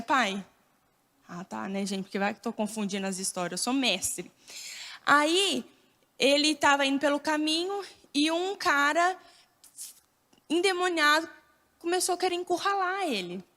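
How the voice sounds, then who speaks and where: A young woman from Brazil preaching a sermon in a church, telling stories with lively bursts of shouting. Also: high voice. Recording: church hall reverb.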